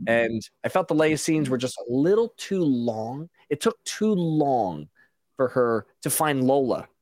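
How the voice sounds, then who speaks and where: Host, male, mid-pitched, opinionated rambler, dry close sound. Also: very animated, measured pace, a little mellow, dry recording. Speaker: podcast host. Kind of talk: casual show review chat.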